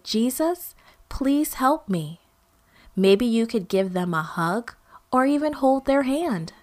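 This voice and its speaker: A woman's voice: mid-range voice, a little mellow. A woman telling a children's Bible story, speaking expressively and directly to young listeners.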